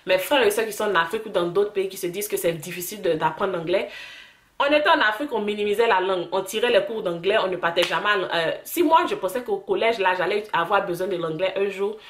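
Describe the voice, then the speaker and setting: Woman, Ivorian French accent, young adult, casual vlog talk, animated, echoey room. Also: mid-range voice, fast. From Ivory Coast. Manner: animated, restarts and mixes in English words. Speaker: vlogger.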